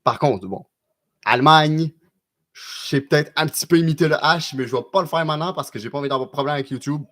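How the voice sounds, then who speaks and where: A man with a Québécois accent chatting casually on a live stream and answering viewers, loose and slangy with lots of quick restarts. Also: fairly high pitch, a bit bright. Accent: Québécois French.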